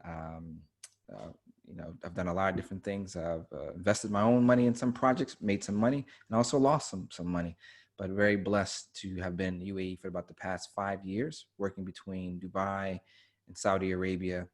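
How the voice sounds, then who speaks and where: A man from the United States with a low voice talks as a guest in a webinar. He is emphatic and comes back to his main points. His audio has the feel of a video call. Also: little pitch movement, moderate pace. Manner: emphatic, repeats key points. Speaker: guest author. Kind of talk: webinar conversation.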